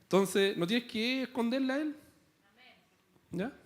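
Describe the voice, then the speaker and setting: High-voiced Chilean pastor preaching. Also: male voice, animated, slow pace. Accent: Chilean Spanish. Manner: conversational preaching with playful asides and rhetorical "¿cierto?". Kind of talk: sermon. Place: church.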